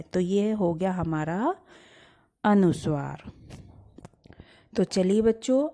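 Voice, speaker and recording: A woman's voice: medium pitch, mellow. A woman teacher giving a grammar lesson to children, patiently explaining and asking them to repeat the words aloud. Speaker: Hindi teacher.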